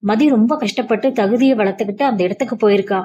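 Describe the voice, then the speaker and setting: A woman voicing a gentle sister-in-law who calms and reassures the family in a story reading. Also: mid-range voice, fast talker, muffled recording, close to an everyday voice. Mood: soothing. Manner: soothing, reassuring.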